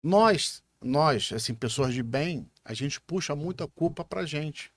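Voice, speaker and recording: A Brazilian man hosts a conversation and muses hesitantly, pausing to find his words. His voice sits a touch high, and the dry recording gives it an intimate studio feel. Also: expressive, no echo. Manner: reflective, hesitant, thinks aloud. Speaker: podcast host. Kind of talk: casual podcast conversation.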